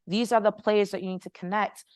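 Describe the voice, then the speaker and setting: A middle-aged Haitian American woman with an American accent answers a question on a conference panel in front of an audience. She's a startup founder, and her medium-pitched, steady voice moves briskly as she speaks passionately and persuasively, engaging the crowd. The recording is dry, with clean studio sound.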